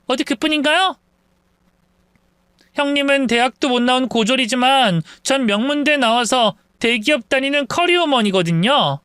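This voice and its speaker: A man's voice: extremely high pitch, expressive, normal speed, a bit bright, clear, resonant tone, no echo, clean studio sound, voice pushed up. A man voicing a spiteful, scheming young sister-in-law in a story read-aloud, sneering and mock-sweet. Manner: sneering, mock-sweet, whiny when feigning tears.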